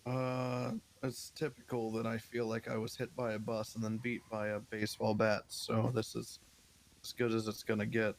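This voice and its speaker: A man with a low voice talks in a casual role-play chat. His delivery is dry and stays flat, with little rise or fall. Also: moderate pace. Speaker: fellow role-player.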